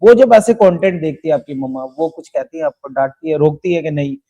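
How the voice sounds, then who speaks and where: A man hosting a podcast, calmly asking his guest questions. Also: a little high, brisk, poor audio. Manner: calm, asks questions and backchannels. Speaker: podcast host. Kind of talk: casual podcast interview.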